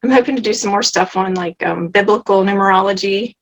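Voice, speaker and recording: A woman's voice: mid-range voice, a little fast, highs cut off. A woman guest in a casual interview, talking effusively and enthusiastically about her work. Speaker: interview guest, channel creator.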